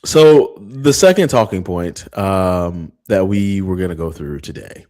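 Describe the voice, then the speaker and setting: A man's voice: low-pitched, lively intonation, a little slow, dark tone. A man co-hosting a podcast in loose, casual chat, joking and swearing freely. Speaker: podcast co-host.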